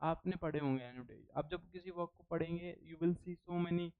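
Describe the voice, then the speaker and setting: A man's voice: a little high, normal speed, clean tone. A man with an Indian English accent giving an exam-prep phonetics lecture, switching between Hindi and English and repeating words to drill them. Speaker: English teacher. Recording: dull lo-fi recording.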